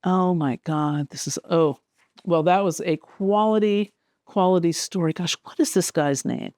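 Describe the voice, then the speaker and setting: A woman's voice: fairly low pitch, unhurried, a little mellow, no room sound, clean studio sound. A woman hosting a casual, rambling chat as a comic book collector, flipping through old issues with an amused tone.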